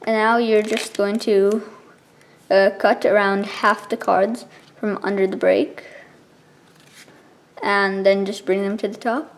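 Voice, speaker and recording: A woman explaining something step by step in a casual, informal tutorial style, with halting pauses between steps. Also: medium pitch, level tone. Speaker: card trick tutorial presenter.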